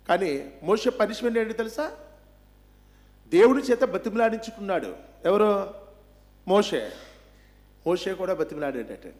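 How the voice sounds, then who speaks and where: A man preaching a Bible seminar sermon, pressing his listeners with one rhetorical question after another. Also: high voice.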